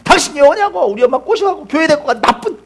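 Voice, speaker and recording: A male preacher voicing a hostile young woman who shouts and scorns a visitor. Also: very high-pitched, expressive, fast talker. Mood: angry.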